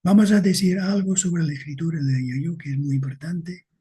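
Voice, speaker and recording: A man giving an academic lecture with slides, speaking slowly and deliberately and checking in with his listeners. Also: fairly high pitch, dark tone, husky.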